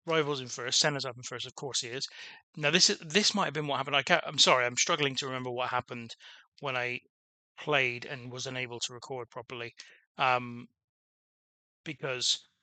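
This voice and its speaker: In a mid-range, steady voice that's bright and forceful, a man narrates his own gameplay at a moderate pace, with no room sound. The talk is loose let's-play chatter from a channel host who keeps restarting, fills pauses, and says his voice is dull.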